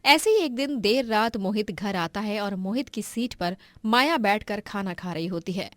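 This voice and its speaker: A woman giving scripted narration of a cartoon story in an even storytelling manner. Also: mid-range voice, moderate pace, no room sound.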